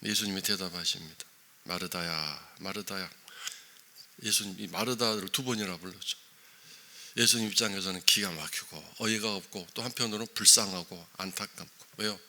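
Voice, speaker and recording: A man's voice: on the low side, a little fast, bright, forceful tone. A man preaching a dawn sermon in a church, asking the congregation emphatic rhetorical questions. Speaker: pastor. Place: church, early morning service.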